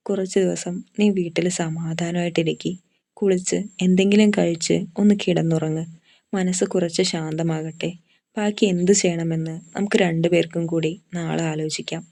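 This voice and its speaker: A woman's voice: on the low side, steady tone, moderate pace, creaky, warm tone. A woman voicing a caring young woman friend who talks in a firm, reassuring way.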